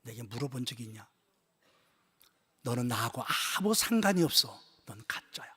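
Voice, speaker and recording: A male preacher voicing God as a stern, solemn male voice, speaking slowly and low in grave rebuke. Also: sing-song, pushed and bright, breathy edge, exaggerated voice. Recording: echoey church hall with long reverb.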